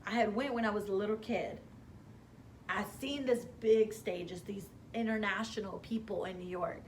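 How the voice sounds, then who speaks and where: Woman, interview guest, hair stylist, animated storyteller, acts out quotes, mid pitch, faint background hiss. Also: normal speed.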